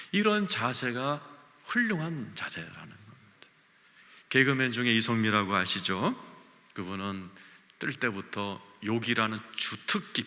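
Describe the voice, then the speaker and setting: A man preaching a sermon, his voice bright and forceful, ringing through a church sanctuary with a long reverb tail. He tells his stories with sweeping rises and falls in pitch and volume and sometimes sinks to a near whisper to make a point. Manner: storytelling preacher with sweeping swings in pitch and loudness; drops to a near whisper for emphasis. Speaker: senior pastor.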